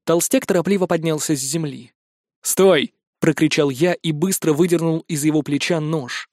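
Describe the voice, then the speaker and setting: A man narrating a fantasy adventure in first person, brisk and wry. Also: a little high, a little mellow, dry recording, clean studio sound. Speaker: audiobook narrator.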